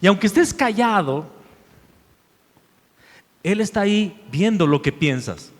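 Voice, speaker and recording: A man preaching a sermon as pastor, emphatic, repeating key phrases and swinging between loud declarations and hushed asides. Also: high-pitched, animated, measured pace. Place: church sanctuary. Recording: long hall reverb.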